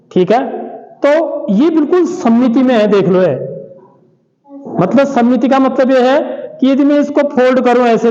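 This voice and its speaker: A man's voice: extremely high pitch, mellow. A man teaching a math lesson to schoolchildren, demonstrating with objects and often asking whether they understand. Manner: repeatedly checks understanding, asks students questions. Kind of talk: classroom lesson explaining with examples. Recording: roomy echoey sound, dull lo-fi.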